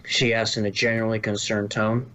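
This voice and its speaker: A man reads scripted fan fiction narration in a lowish, brisk voice that's pushed and bright but barely moves in pitch. Now and then he stumbles and rereads a phrase.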